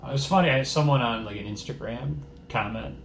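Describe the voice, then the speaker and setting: A young man with a Michigan accent hosting a casual podcast chat, relaxed and full of fillers. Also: mid-range voice, vocal fry, reverberant, slight background noise. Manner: relaxed, filler-heavy, quick bursts. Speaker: podcast host. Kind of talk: casual conversation. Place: room in a Seattle lodging.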